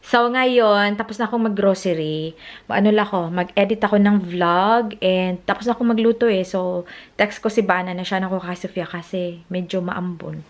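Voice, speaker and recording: A woman's voice: mid-range voice, steady tone, moderate pace. A woman from the Philippines, talking casually to camera in a family vlog and mixing Tagalog with English. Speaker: family vlogger.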